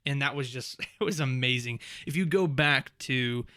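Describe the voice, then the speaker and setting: Bright-voiced rambling podcast guy. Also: mid-range voice, moderate pace, dry recording, clean studio sound. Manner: rambling, many fillers and restarts, laughs often. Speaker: podcast co-host. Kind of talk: casual chat.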